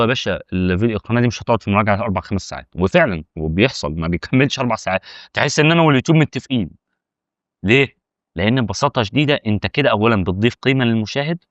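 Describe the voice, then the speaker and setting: Rapid-fire Egyptian man, dull dry sound. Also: mid-range voice, dry recording. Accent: Egyptian Arabic. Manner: rapid, chatty, argues with imagined viewer objections. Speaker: YouTube tutorial host. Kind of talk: casual direct-to-camera explainer.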